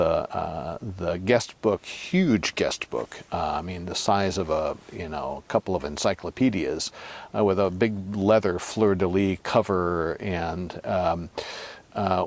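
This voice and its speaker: A man telling a travel story in a casual way, with many pauses, fillers and restarts, growing animated at the high points. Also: no room sound. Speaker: storyteller recounting a trip.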